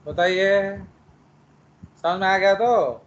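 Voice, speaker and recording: A male biology teacher giving an online class, explaining slowly, asking students questions and scolding them at times. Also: high voice, lo-fi sound. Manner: scolding, mixing Hindi with English phrases.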